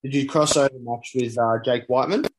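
A man's voice: medium pitch, a little fast, background noise. Hesitant male interviewer. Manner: hesitant, stacks up fillers before questions. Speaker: interviewer, host. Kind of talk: casual interview.

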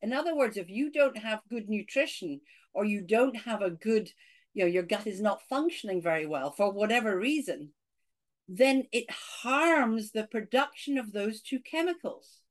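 A middle-aged woman from Scotland with a Scottish accent, a podcast guest talking in an animated way and saying "you know" a lot. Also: mid-range voice, moderate pace. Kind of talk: casual interview talk.

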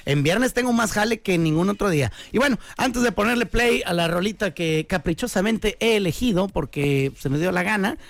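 Mexican guy hosting radio, jokey storyteller, gravelly high voice. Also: lively intonation, a little fast, few pauses, no room sound. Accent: Mexican Spanish. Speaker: radio host. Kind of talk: comedic radio monologue.

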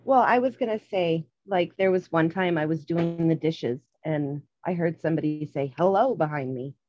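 A woman's voice: low-pitched, moderate pace, darkish tone, lo-fi sound. A woman co-hosting a podcast, speaking in a playful, giggly way. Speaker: podcast co-host. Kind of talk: casual chat.

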